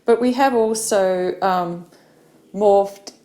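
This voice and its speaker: A woman's voice: medium pitch, slow pace, dark tone. A middle-aged Australian woman, an English teacher, giving a practice speaking talk with many fillers.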